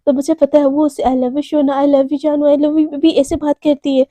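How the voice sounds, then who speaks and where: Narrator as a guarded firm young woman, high and mellow. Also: level tone, normal speed, no echo, close to an everyday voice. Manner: firm, refusing. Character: guarded stubborn young female roommate.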